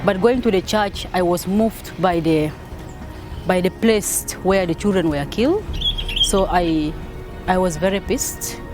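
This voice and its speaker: A man from South Sudan speaking emotionally in an interview, often repeating words. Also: high-pitched. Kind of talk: interview testimony. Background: music.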